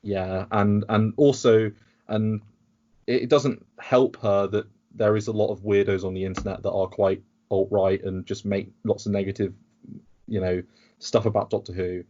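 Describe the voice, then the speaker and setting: A man's voice: fairly low pitch, level tone, moderate pace, dark tone, dull audio. A British man talking in a casual podcast chat, rambling and sarcastic, with frequent restarts. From United Kingdom. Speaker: podcast guest.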